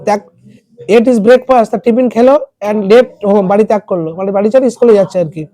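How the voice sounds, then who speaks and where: A tutor explaining an English text in Bengali, reading lines slowly and asking students word meanings. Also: female voice, fairly high pitch, dark tone, no room sound. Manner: asks students questions and repeats word meanings. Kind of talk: classroom lesson explaining a text.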